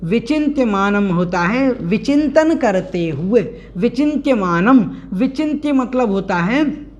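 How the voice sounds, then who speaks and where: A man's voice: sits high, lively intonation, muffled recording. A man teaching a religious scripture class online, explaining verse by verse, chanting the lines and carefully correcting their pronunciation. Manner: deliberate, spells out pronunciation and chants verses slowly.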